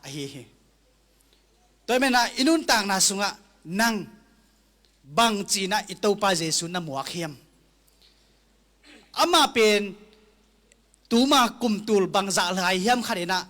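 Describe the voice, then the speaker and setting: A man preaching a sermon slowly and deliberately, sometimes closing a thought with an amen. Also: high voice, animated, bright, forceful tone. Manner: slow, deliberate preaching with frequent amens.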